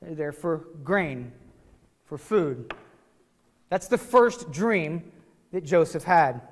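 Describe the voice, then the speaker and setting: A man preaching a sermon as pastor, conversational and animated, with restarts and casual asides. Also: a little high, slow, in a large hall. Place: church sanctuary.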